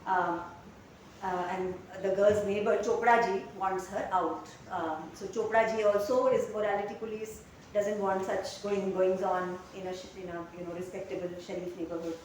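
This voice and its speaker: A woman's voice: medium pitch, fairly even intonation, normal speed, a little hiss or hum. A woman giving a university literature lecture, hesitant, with many fillers and restarts. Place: classroom. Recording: echoey room, far from the mic.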